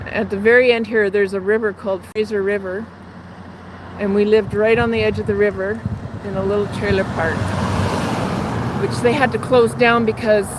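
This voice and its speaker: A woman's voice: medium pitch, steady tone, moderate pace. A woman in her fifties from Canada, chatting to viewers on a phone while walking through the city, a little out of breath. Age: 50s. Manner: chatty, rambling, talks to viewers. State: slightly out of breath. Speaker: livestream host. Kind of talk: casual chat while walking. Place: outdoors in a city, near traffic and train tracks. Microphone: phone held while walking. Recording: outdoor traffic noise.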